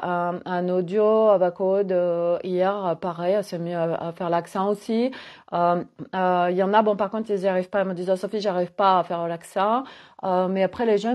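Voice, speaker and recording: A woman's voice: mid-range voice, a little mellow. A middle-aged woman with a southwest French accent from the Gers, a holistic coach talking in a casual spiritual monologue that rambles, full of hesitations and fillers. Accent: Gers, southwest France.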